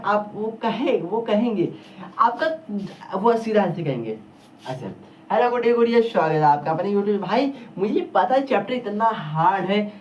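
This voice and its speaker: A male teacher giving a casual whiteboard lesson, chatty and rambling, speaking straight to his students. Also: high voice. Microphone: camera across the room. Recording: distant muffled camera audio, faint hiss.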